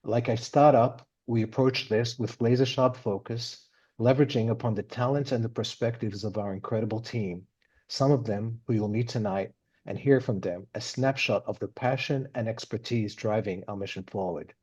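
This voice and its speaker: Polished man, warm dull lo-fi sound. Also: lowish voice, normal speed, breathy edge. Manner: upbeat and polished. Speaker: campaign organizer.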